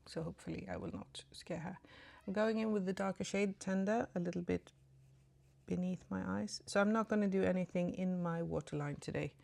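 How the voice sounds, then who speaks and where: A Swedish beauty vlogger, her British English slightly tinged with a Swedish accent, chats through a makeup tutorial just after waking up. Her lowish, creaky voice is expressive and a little fast, full of apologetic asides, and it drops to soft murmurs as she applies her makeup.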